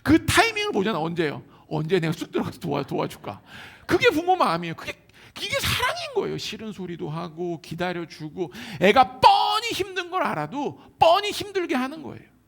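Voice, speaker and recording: A male pastor preaching a sermon in a lively, colloquial way, often acting out the people he quotes. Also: very high voice, a little fast, vocal fry. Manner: animated, colloquial preaching that acts out quoted voices. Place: church hall.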